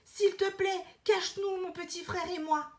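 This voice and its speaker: Woman putting on a little storybook girl, high pitched, urgent, pleading. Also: steady tone, a little slow.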